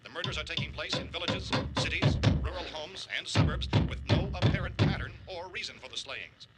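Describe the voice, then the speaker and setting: Actor as a radio newsreader, quick crisp bulletin, music under it. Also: male voice, a little high, expressive, close to an everyday voice, rough recording. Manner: crisp announcer delivery. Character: radio newsman, formal and urgent. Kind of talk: 1960s radio news bulletin. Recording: old film soundtrack under music.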